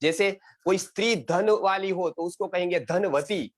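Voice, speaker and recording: A man's voice: high voice, measured pace. A middle-aged man from India teaching an online Sanskrit lesson, repeating words and checking that his students follow. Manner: quizzing students, repeats words, frequent "samajh gaye?". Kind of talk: explanatory online class lecture.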